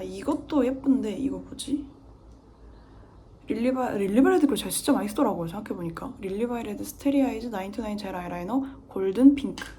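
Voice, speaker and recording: A young beauty vlogger does her makeup on camera in a chatty get-ready-with-me video, talking nonstop and to herself, sometimes dropping to a near-whisper as she concentrates. Her voice is warm and medium-pitched, with slight background noise.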